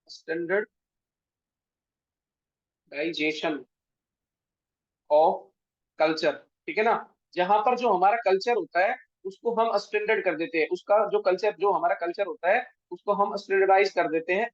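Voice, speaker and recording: A man with an Indian accent giving a history lecture for exam prep, switching between Hindi and English and often checking in with his students. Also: high-pitched. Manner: mixes Hindi and English, checks in with frequent tag questions. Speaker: history teacher. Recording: dull, dry lo-fi sound.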